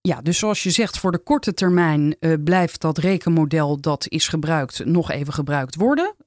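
A podcast host at a mid-range pitch reads article passages in an even, measured way between questions for the guest. The recording is dry and close. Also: no room sound. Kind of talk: reading article excerpts and asking questions.

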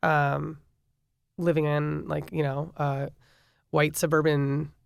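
A woman chef in her thirties from the Midwest chats through an interview, her voice carrying a gravelly fry. She fills her talk with fillers and easy laughs, recorded close and dry. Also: low voice, level tone, slow pace, no echo. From Midwestern United States. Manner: chatty, frequent fillers and laughs. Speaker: chef and restaurant owner, guest. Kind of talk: casual interview conversation.

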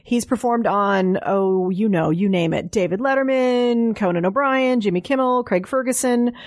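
A woman's voice: medium pitch, normal speed, no room sound. Woman hosting, very dry close sound. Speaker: host, interviewer. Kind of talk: casual chat interview. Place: studio.

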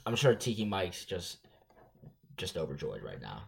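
A man's voice: low-pitched, sing-song, moderate pace, gravelly. A man co-hosting a casual podcast, joking and rambling. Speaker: podcast co-host. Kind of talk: casual chat.

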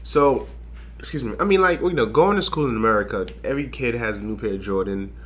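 A man's voice: mid-range voice, fast talker, fairly bright tone. A young man from Haiti, a design lecturer, talking as a guest in a casual interview, rambling with many fillers and restarts.

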